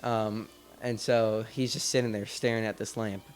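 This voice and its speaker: A man with a low voice tells a story on a podcast. He talks in a loose, casual way and restarts his sentences often. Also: flat delivery, normal speed, clean tone. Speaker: podcast host.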